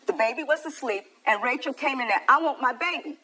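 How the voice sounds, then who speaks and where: An American woman giving animated testimony as a litigant in a TV courtroom, telling her grievance in a plaintive way and acting out the quoted dialogue. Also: high-pitched, brisk, low-quality recording.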